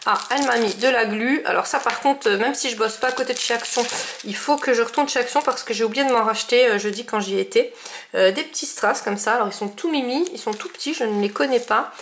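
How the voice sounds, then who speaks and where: A fairly high-voiced woman talks casually and at length, full of hesitations and restarts. A faint hiss and small clicks sit under her voice. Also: quick pace, a bit bright. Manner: chatty, many fillers and restarts. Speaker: scrapbooking vlogger. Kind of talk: casual chat showing mail.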